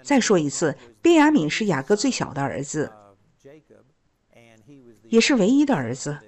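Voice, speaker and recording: A woman's voice: on the low side, big pitch swings, normal speed, a little mellow, breathy edge. A woman teaching a Bible story, retelling the scripture in plain storytelling.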